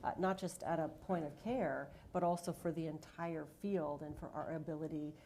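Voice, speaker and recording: Woman, deep mellow voice, earnest with many fillers, panel discussion, faint room noise. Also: fairly even intonation, normal speed. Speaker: panelist, diagnostics company leader. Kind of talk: conference panel talk.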